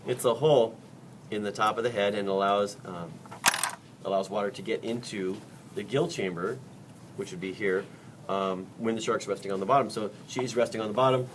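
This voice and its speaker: A man's voice: on the low side, fairly even intonation, moderate pace. A man teaching a biology class during a dissection, joking and quizzing his students. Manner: jokey, chatty, quizzes the class. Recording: distant mic in a noisy classroom.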